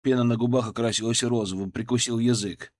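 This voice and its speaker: A man's voice: mid-range voice, steady tone, brisk, darkish tone. A man reading a first-person audiobook with dramatic, tense storytelling. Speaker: audiobook narrator. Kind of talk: first-person scripted narration.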